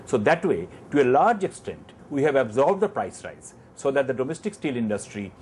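A man in his fifties with an Indian English accent, a company chairman on a lapel mic in an office, explaining prices in a measured, detailed way with numbers and restarts. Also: mid-range voice, sing-song, darkish tone, slight background noise. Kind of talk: explanatory business interview. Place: office with armchair, indoors.

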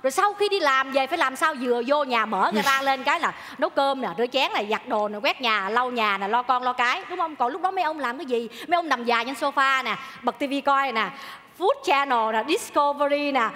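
A woman's voice: high-pitched, bright, forceful tone, long reverb tail. A woman performing a stage comedy sketch as a wife, scolding and arguing back and turning to the audience. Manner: scolding, argumentative, addresses the audience.

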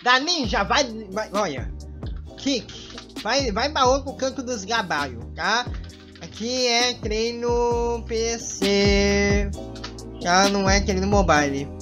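A man's voice: sits high, takes it slowly. A Brazilian man hosting a game, joking and teasing his viewers in playful commentary. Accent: Brazilian Portuguese. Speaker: gaming channel host. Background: music.

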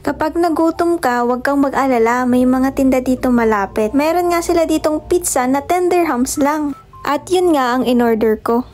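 A woman in her twenties from the Philippines, narrating a travel vlog in a chatty, excited way, mixing in English. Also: high-pitched, normal speed, faint music behind. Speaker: travel vlogger.

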